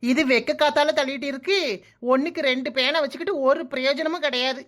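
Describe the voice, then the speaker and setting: A woman's voice: sits high, quick pace, fairly bright tone. A woman voicing a cheeky, lazy young daughter-in-law in a comic cartoon, sarcastic and prone to talking to herself, with a Kanyakumari Tamil accent. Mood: grumbling.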